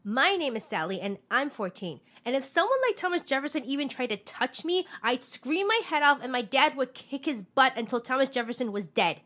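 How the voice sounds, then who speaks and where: A woman's voice: sits high, lively intonation, a little fast, few pauses, a bit bright. A woman playing a blunt, indignant fourteen-year-old schoolgirl delivering a speech in an emphatic, outspoken way. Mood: indignant, declaiming. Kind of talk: scripted comedy sketch, speech delivery.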